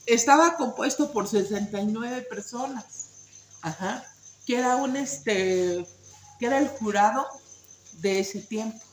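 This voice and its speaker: A woman's voice: a little high, unhurried, roomy sound, a little hiss or hum, low-quality recording. A woman teaching an informal Bible study, talking conversationally with many fillers and tag questions.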